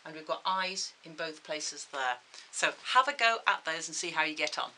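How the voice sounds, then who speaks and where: A woman's voice: low voice, lively intonation, normal speed, bright, forceful tone, rough recording. A woman giving a video maths lesson, explaining each step patiently and checking in with her viewers. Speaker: maths teacher.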